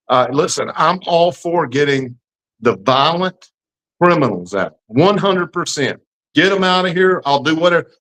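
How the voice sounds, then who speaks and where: A man's voice: fairly high pitch, a bit bright, rough recording. A man in his fifties with an Alabama Southern accent, answering interview questions in a folksy, plain-spoken, emphatic way. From Alabama, United States. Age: 50s. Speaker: political candidate being interviewed.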